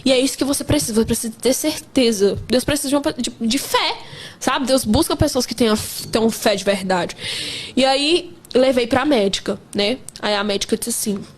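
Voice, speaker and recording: A woman's voice: on the high side, fairly quick. A woman in her twenties, pregnant, telling her faith testimony in an earnest, emphatic casual way. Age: 20s. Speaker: guest sharing a testimony.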